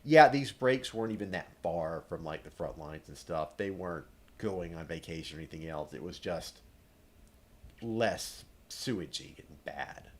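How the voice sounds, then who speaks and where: A man's voice: low voice, lively intonation, moderate pace, a little hiss or hum. A man hosting a let's play, giving rambling, chatty gameplay commentary with lots of filler words.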